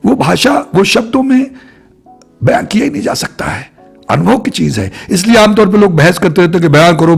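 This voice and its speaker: A man gives a reflective spiritual talk, building his points through long chains of repeated phrases. His voice is gravelly and husky, a little higher than usual, and swings widely in pitch. Faint music plays underneath. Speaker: spiritual speaker.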